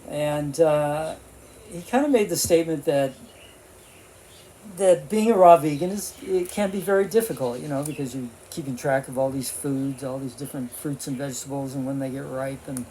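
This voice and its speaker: A man's voice: on the high side, dark tone, slight background noise. A man in his seventies talking casually to a vlog camera, rambling with lots of fillers and restarts. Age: 70s. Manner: talking with his mouth full while eating. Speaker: vlogger.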